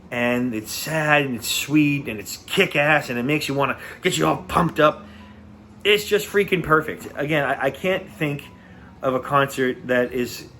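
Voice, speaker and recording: A man's voice: mid-range voice, a bit bright, slight background noise. Gushing man reviewing a concert. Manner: enthusiastic, gushing, repeats words often. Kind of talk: casual review monologue.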